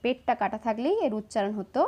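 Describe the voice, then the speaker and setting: A woman, slowly and patiently explaining each step of writing letters to children. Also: a little high, slightly rough, muffled recording. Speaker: teacher. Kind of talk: handwriting lesson for children.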